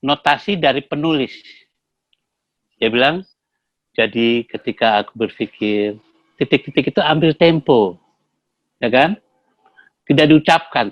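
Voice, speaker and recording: A man's voice: on the high side, no room sound. An older man, a veteran acting teacher, talking casually and telling stories, acting out the voices of his students. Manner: storytelling, acting out quoted students with shifting voices. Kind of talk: casual talk show conversation. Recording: dry, dull lo-fi sound.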